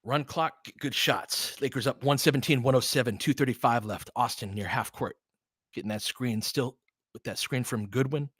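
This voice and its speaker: This man's mid-range voice is husky and a bit bright, moving at a moderate pace in a dry, studio-quality recording. He's a basketball film-room audio stream host doing casual live play-by-play and analysis, chatting with listeners informally and pushing the players on like a fan.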